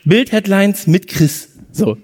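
A man's voice: high-pitched, takes it slowly, darkish tone, in a large hall. A man bantering as a podcast co-host, teasing and explaining things in a mock-serious way. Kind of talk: casual banter.

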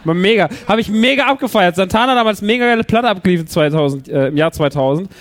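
A man's voice: high-pitched, animated, quick pace, no echo. A man chatting casually and jokingly while counting down old chart songs. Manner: rowdy, jokey, breaks into singing.

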